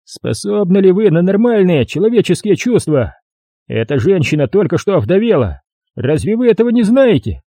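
A man's voice: high voice, big pitch swings, moderate pace, mellow, no room sound, clean studio sound, pitched above the performer's own voice, heavily acted. A man voicing a stern, mocking police detective who talks down sarcastically in an audiobook. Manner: sarcastic, condescending.

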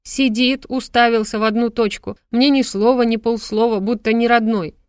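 A distraught, simple-spoken mother, as a woman reader puts her on, pitched well above the narrator's own voice and louder. She whines and scolds in a dry, close audiobook recording. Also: fairly even intonation, normal speed, clean tone, no room sound, natural voice. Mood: plaintive. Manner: plaintive, then shouting and scolding. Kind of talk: audiobook character voice.

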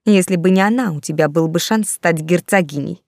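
A woman's voice: brisk, a little mellow, no room sound, clean studio sound, close to an everyday voice. A woman reading the part of a scheming, fawning noble baroness who talks in a raised, indignant voice. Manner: indignant, high and agitated.

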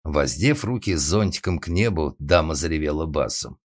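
A man narrating a comic story in a deadpan, ironic storytelling manner. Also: rumbling low, a little fast, no echo, studio quality.

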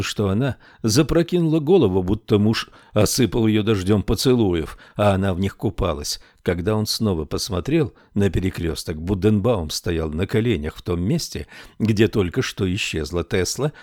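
A man narrating an audiobook in a measured storytelling way. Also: fairly low pitch, a little mellow, no echo, studio quality. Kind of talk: scripted narration.

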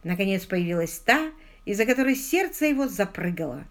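A woman's voice: mid-range voice, a little fast. A woman reading a novel aloud as narrator, telling it expressively. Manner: expressive storytelling. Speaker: audiobook narrator. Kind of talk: audiobook reading.

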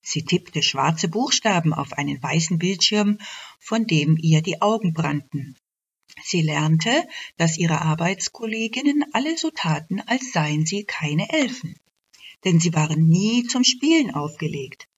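Slow, husky-voiced woman reading a fairy tale. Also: lowish voice. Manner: calm and measured. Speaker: storyteller. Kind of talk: fairy tale narration for radio. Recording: dull lo-fi radio recording.

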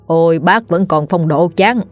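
A woman's voice: lowish voice, measured pace, no echo, soft background music, lightly acted. A woman voicing a stubborn old village man who brushes off fear with mocking talk. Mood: scoffing.

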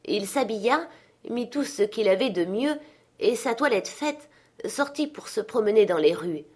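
A woman reading a classic novel aloud as an audiobook narrator, in an even storytelling manner. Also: a little high, measured pace. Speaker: audiobook reader. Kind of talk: scripted narration.

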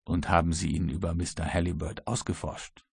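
A male audiobook reader voicing a bold, unflappable American servant with a husky voice. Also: low-pitched, flat delivery, fairly quick, a little mellow, dry recording, studio quality, pitched below the performer's own voice, heavily acted. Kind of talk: audiobook reading.

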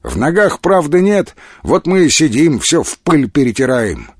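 A man reading as a tipsy young gentleman full of mockery, drawling his jibes. The read is dry and intimate, like a storybook narrator at the mic. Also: on the high side, huge pitch swings, normal speed, slightly rough, no echo, voice pushed up, heavily acted. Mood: sardonic. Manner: ironic, mocking, drawling. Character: mocking, drunken young Russian gentleman.

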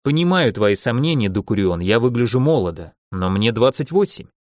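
A man's voice: medium pitch, big pitch swings, brisk, a little mellow, no room sound, clean studio sound, lightly acted. A man reading an earnest young doctor.

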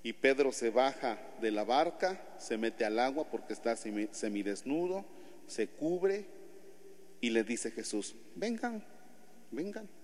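Animated priest with a Mexican accent. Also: male voice, medium pitch, unhurried. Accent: Mexican Spanish. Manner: animated storytelling, acts out scenes. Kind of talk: homily. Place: church. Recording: long church reverb.

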